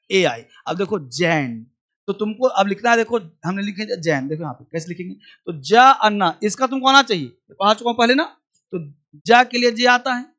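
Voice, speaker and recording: A male teacher running a demo class on English spelling. He drills each sound by repeating words several times and firing quick questions at his students, and he addresses them fondly as children. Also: sits high, pushed and bright.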